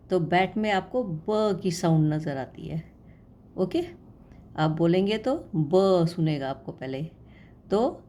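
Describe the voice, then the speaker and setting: A woman teaching a lesson, explaining patiently, repeating sounds slowly and putting questions to the viewer. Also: medium pitch, mellow, a little hiss or hum.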